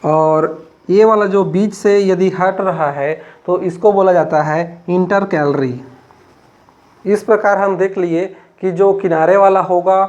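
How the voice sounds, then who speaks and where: A man from Chhattisgarh, speaking with a Chhattisgarh Hindi accent, gives a biology classroom lecture. He explains step by step, repeats himself often and uses many fillers. His voice sits high and is a little mellow, and the audio is dull.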